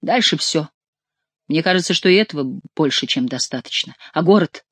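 Brief: narrator playing a tired worried king, low and quiet, dry sound. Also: animated, normal speed, breathy edge, no room sound. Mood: brooding. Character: anxious weary male king. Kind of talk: audiobook character reading.

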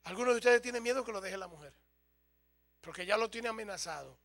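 A man's voice: sits high, fast talker, fairly bright tone. A man preaching a sermon as a pastor, humorous and speaking straight to his congregation.

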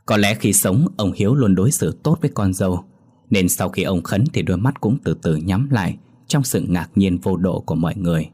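A man narrating a scripted ghost story in a steady, measured way. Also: low-pitched, husky.

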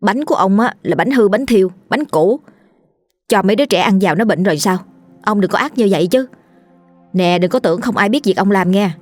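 A woman's voice: mid-range voice, quick pace, hardly any pauses, no room sound, faint music behind, natural voice. A woman voicing an angry middle-aged mother who scolds a street vendor in a storybook tale. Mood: furious. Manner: scolding, confrontational.

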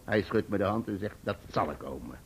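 An actor playing Peggotty, an older, hearty and emotional fisherman who talks in a rough, jovial way and laughs often in a radio play. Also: deep voice, animated, moderate pace, heavily acted.

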